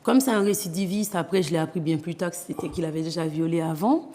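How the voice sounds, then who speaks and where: This guest author, a Haitian woman in her thirties, speaks with a Haitian accent in a big hall. Her warm voice is on the low side and she talks fast, earnest but hesitating often as she gives interview testimony.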